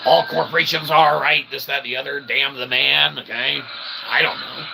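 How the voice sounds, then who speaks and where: Speaking at a normal speed in a steady, creaky mid-range voice, a man holds forth in an emphatic, rambling solo rant. He's an independent author and channel host who's casually profane and keeps asking "okay?" and "right?" There's background noise.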